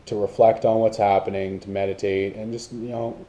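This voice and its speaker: A man's voice: lowish voice, flat delivery, fairly quick, dark tone. A man vlogging about paintball to camera, in a rambling casual talk with many fillers and restarts.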